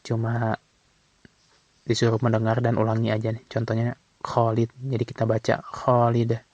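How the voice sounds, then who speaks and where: A man teaching from an Arabic textbook in a casual way, reading phrases slowly and then explaining them quickly. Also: medium pitch, monotone, darkish tone, no echo. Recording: dull, slightly lo-fi sound.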